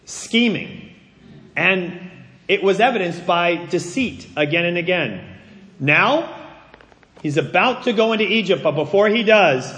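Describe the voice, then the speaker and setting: A man preaching a sermon as pastor, animated, acting out the voices of the figures in the story. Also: sits high. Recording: long hall reverb.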